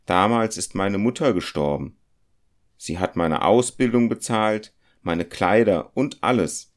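Anxious young goldsmith guy, a man putting him on, higher and louder than the narrator, pleading and stubborn, storybook reading.

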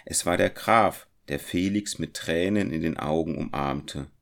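Narrator low gravelly man, measured audiobook reading. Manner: calm, measured storytelling.

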